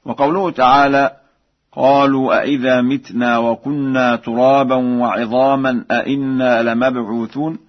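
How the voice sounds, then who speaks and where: A man of middle pitch teaches recitation. He moves between measured spoken explanation and slow, melodic chanted examples. The sound is dull and lo-fi, like an old radio broadcast. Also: little pitch movement.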